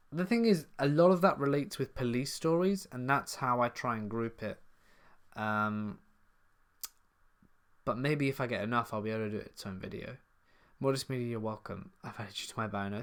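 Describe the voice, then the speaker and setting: A man with a medium-pitched, clean voice speaks at a moderate pace in a southern English accent. He hosts a horror story channel and is running a live stream Q&A, casually reading viewer comments aloud before answering them in a chatty way.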